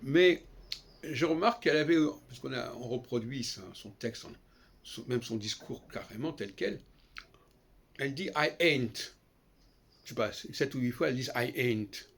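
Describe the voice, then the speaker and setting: A man giving an unscripted, lecturing monologue on language, halting and digressive with frequent restarts. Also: mid-range voice, vocal fry, breathy edge. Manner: lecturing, explanatory. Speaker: solo commentator on language.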